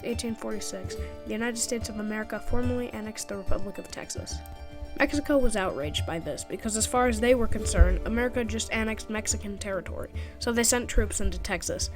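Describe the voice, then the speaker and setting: A woman narrating a history video in a casual scripted way, with jokey, sarcastic asides. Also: on the high side. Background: background music.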